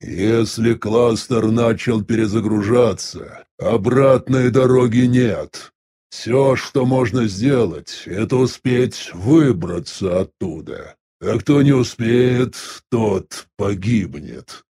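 A man voicing an elderly sect elder in an audiobook, speaking in a measured, weary, reflective way with a husky voice. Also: medium pitch, mellow, close to an everyday voice. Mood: weary musing. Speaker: audiobook voice actor. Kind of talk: audiobook dialogue reading.

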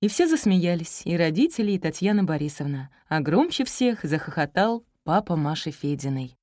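Mellow-voiced woman reading a story. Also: sits low, no room sound, clean studio sound. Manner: measured, expressive storytelling. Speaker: narrator. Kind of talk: audiobook reading of a children's story.

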